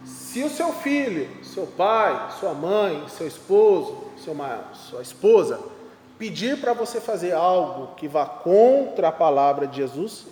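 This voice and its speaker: A man's voice: sits high, a little mellow, a little hiss or hum. A man with a Brazilian accent teaching a Sunday school Bible lesson, stressing his points, repeating key lines and asking the class rhetorical questions. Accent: Brazilian Portuguese. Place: church classroom or hall. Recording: echoey hall with long reverb.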